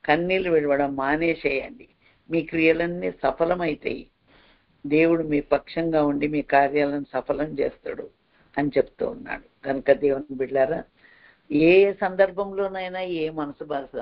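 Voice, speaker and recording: A man's voice: a little high, vocal fry, muffled recording. A man preaching a sermon, earnest and repetitive as he exhorts his listeners.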